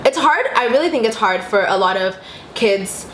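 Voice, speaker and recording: A woman's voice: fairly high pitch, lively intonation, normal speed, a bit bright. A young woman in a casual, reflective conversation, speaking tentatively as she searches for her words. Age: young adult. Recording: echoey room with faint background noise.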